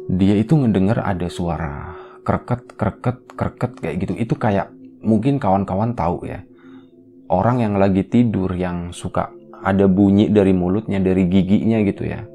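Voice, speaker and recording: A man casually retelling a horror story as a podcast storyteller, in a relaxed, rambling, conversational way. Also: low voice, normal speed, long pauses, background noise.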